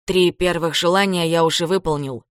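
A wistful young man who speaks in a quiet, restrained way, as a woman reader puts him on. The voice stays fairly low. The sound is dry and close. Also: fairly even intonation, moderate pace, smooth, no room sound, natural voice. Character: young man, the wistful first-person hero.

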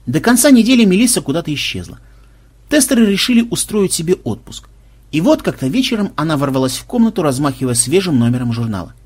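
A man narrating an audiobook in a lively, expressive reading. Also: on the high side, fast talker, breathy edge. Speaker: audiobook reader.

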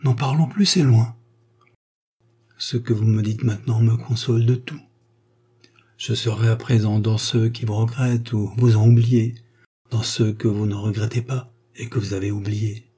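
A quietly devoted gentleman of fifty, as a male reader plays him, speaks gravely and with restraint. His tone is mellow with a husky edge. It is a story read aloud. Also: lowish voice, steady tone, normal speed. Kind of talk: audiobook reading of a short story.

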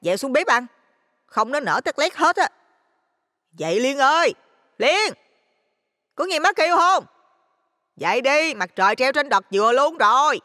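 A man's voice: expressive, fairly bright tone, clean studio sound. A man doing a nagging older village mother. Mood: scolding. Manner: high falsetto, brisk and nagging. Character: worried older village mother, blunt and scolding. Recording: long reverb.

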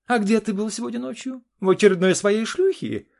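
A defiant, sharp-tongued wife, as a man puts her on in an audiobook. She talks in a raised, sneering voice, biting back at every word. The voice sits high above the reader's own. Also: animated, normal speed, vocal fry, breathy edge, full character voice. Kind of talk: audiobook reading.

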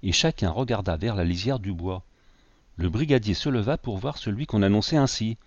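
A man narrating a novel aloud in a measured, expressive reading. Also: on the low side, dry recording. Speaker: audiobook narrator. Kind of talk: scripted narration. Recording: dry, slightly dull recording.

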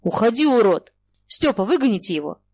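A woman's voice: medium pitch, lively intonation, normal speed, no room sound, natural voice. Woman reader as impatient young daughter, urgent demands. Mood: agitated.

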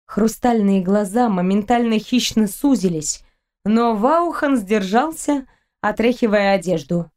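A woman narrating a novel as an audiobook reader in an even, measured way. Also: medium pitch. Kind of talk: scripted narration.

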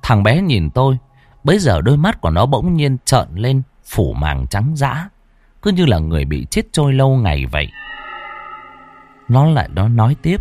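A man's voice: medium pitch, huge pitch swings, normal speed, a little mellow, faint music behind. A man narrating a first-person horror story dramatically, acting out the characters' frightened lines. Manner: dramatic, acts out panicked cries and dialogue.

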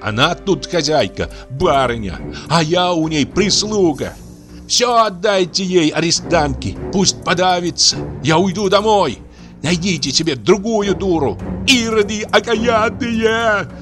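A man's voice: high voice, expressive, measured pace, fairly bright tone, soft background music, voice pushed up. A male reader voicing a furious young peasant woman who screams and sobs with rage in an audiobook. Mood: raging.

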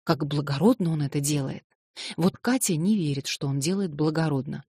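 Woman voicing a naive excitable young man. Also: deep voice, normal speed, breathy edge, no room sound, clean studio sound. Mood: earnest. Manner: eager, plaintive, protesting.

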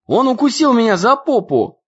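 Guy doing a whiny rich teen boy, screechy high voice, loud and offended, storybook reading. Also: big pitch swings, normal speed, husky, lo-fi sound, exaggerated voice. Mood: indignant whining. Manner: shrill, shouting threats and complaints. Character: whiny indignant fourteen-year-old boy, spoiled and touchy.

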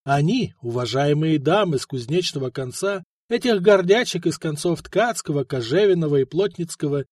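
A man narrating an audiobook in an even storytelling manner with a light ironic touch, recorded close to the mic. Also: on the high side, moderate pace, husky, dry recording. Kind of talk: scripted narration.

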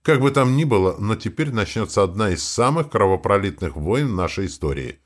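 Male narrator doing a contemptuous bearded forest elder, low voice with wide swings. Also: big pitch swings, fairly quick. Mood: lecturing. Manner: lecturing, contemptuous. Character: bearded old man of an eerie forest, scornful and blunt.

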